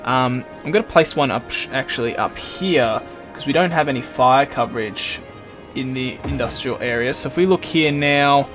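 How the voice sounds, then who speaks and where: A man's voice: mid-range voice, moderate pace, soft background music. A man hosting a gaming video, talking through his moves in a casual let's play commentary while he plays. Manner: relaxed, thinking aloud while building. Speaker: gaming channel host.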